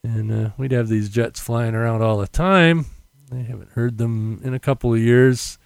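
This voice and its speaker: Casual American male podcaster, smooth mid-pitched voice, loose and self-correcting, dry close condenser mic with popping p sounds. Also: fairly even intonation, moderate pace, dry recording. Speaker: podcast host. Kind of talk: casual unscripted solo podcast chat. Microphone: condenser mic without windscreen.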